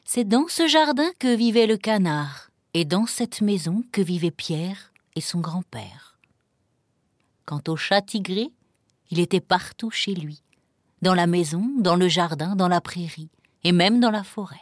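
A woman narrating a children's story in a slow, gentle, clearly paced manner. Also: fairly low pitch, lively intonation, no echo, studio quality.

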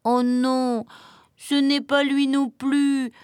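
Woman voicing a high, pleading little chick. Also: unhurried, no room sound, studio quality. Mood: desperate. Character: small lonely green chick, young, yearning.

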